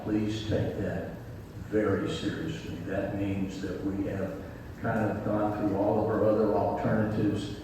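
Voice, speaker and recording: Low-voiced man echoing through a hall. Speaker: mayor, guest speaker. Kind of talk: formal public safety address. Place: large echoing indoor meeting space. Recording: echoey hall, distant mic, clear background noise.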